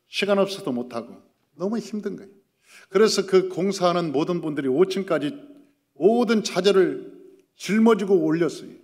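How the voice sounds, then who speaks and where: A man preaching as pastor, telling a story and acting out dialogue, moving between loud emphasis and hushed prayer. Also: high voice. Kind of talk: sermon. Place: church sanctuary. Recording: reverberant church hall.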